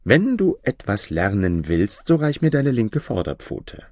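A man voicing a cunning wandering fiddler in a storybook reading, giving coaxing commands in a deep voice. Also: sing-song, unhurried, a little mellow, dry recording, studio quality.

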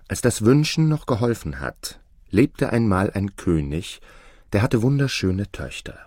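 A man narrating a fairy tale in a measured storytelling voice. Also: lowish voice, a little mellow, no echo, studio quality.

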